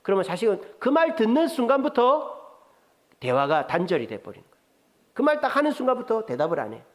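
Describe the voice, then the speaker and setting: A middle-aged man preaching a sermon with a high, bright-sounding voice. His pitch swings widely as he acts out sarcastic quotes and asks the listeners questions. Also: wildly swooping pitch, quick pace. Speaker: pastor.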